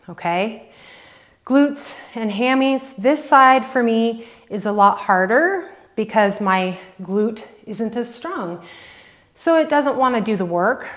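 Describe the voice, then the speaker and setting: A woman fitness instructor guides a workout from her home, calling out counts and cues at a slow, deliberate pace. Her voice sits in a middle register, and she encourages the viewer as she coaches through each rep. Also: mid-range voice. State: out of breath at times.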